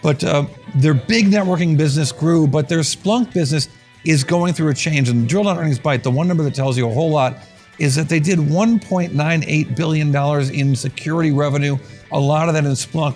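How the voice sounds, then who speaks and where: A man hosting an earnings commentary show, talking in a brisk, conversational way with wry asides. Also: a little high, a little mellow, faint music behind. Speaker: host and market strategist.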